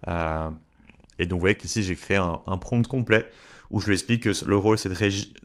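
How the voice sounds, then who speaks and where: A man walking viewers through a software tutorial in a chatty, direct way. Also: deep voice, brisk. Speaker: tutorial creator. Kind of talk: screen-share software tutorial.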